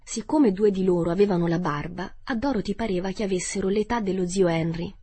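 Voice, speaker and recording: A woman narrating a children's novel in a measured, even storytelling manner. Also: mid-range voice, slightly rough, no room sound. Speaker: audiobook narrator. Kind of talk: scripted narration.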